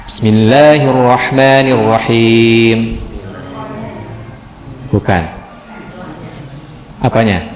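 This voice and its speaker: A man teaching Quran recitation rules in a mosque class, explaining patiently and chanting example verses slowly. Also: medium pitch. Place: mosque hall. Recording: echoey hall, crowd behind.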